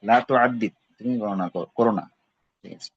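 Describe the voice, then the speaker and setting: A man's voice: on the low side, fairly quick, husky, highs cut off. A man teaching a class on Arabic grammar, patiently repeating each verb form with its meaning and checking in as he goes. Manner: checks in with "ঠিক আছে". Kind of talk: recorded class lesson.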